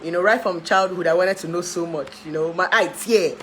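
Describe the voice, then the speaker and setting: A woman's voice: fairly low pitch, normal speed, fairly bright tone, slight background noise, poor audio. A woman in her thirties with a Nigerian accent, a relationship therapist chatting to her followers about her life, laughing often and dropping into pidgin. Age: 30s. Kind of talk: casual chat to camera.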